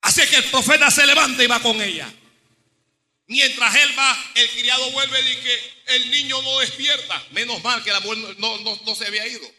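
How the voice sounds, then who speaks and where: A man preaches with animated intensity, slipping into quoted voices. His voice sits very high and sounds sharp and bright. The sermon rings with a long reverb, as in a large hall. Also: moderate pace. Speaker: pastor.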